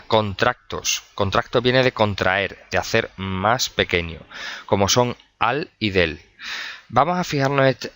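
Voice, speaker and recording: A male teacher with a Spanish accent giving a recorded video lesson, explaining patiently with pauses, fillers and many examples. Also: lowish voice, pushed and bright.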